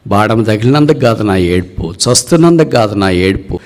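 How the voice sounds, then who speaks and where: A grieving fallen eagle king with a lamenting, tearful voice that climbs into high pleading cries, as a man acting him out in a sermon story. the storytelling stays dramatic and emotional throughout. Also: lively intonation, normal speed, a little mellow, long reverb tail, natural voice. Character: wounded eagle king, weeping and regretful.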